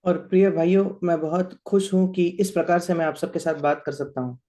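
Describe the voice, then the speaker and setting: High, mellow male interpreter. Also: steady tone, fairly quick. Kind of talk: sermon interpretation.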